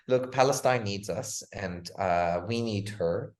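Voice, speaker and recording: A man speaking as a guest author in an interview, talking with passion and rhetorical force, leaning on repeated "again" and "right?" as he presses his points. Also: mid-range voice. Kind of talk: impassioned interview talk.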